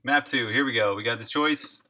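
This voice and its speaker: A man's voice: mid-range voice, normal speed, pushed and bright. A man live-streaming while he codes a game, chatting casually, reading viewer comments aloud and laughing often.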